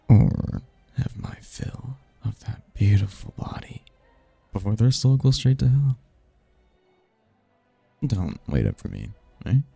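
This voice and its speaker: With a warm tone and heavily acted delivery, an actor gives a sly, teasing turn as a suave, flirtatious male demon in ASMR roleplay. His voice is low, husky and gravelly, his manner smooth-talking, and the recording carries no echo.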